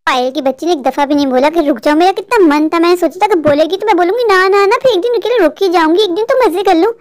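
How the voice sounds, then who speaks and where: A woman's voice: extremely high pitch, fast talker. A woman voicing a discontented young wife in a cartoon dub, complaining bitterly about her poor life. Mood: grumbling.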